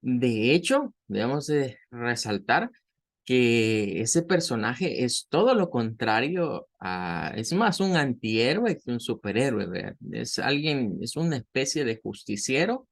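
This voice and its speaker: A male English teacher explaining vocabulary and pronunciation in a lecture, often checking in with tag questions and slowly repeating words. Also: medium pitch, very animated, gravelly. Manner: explanatory, frequent tag questions, careful slow pronunciation drills. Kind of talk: online class lecture.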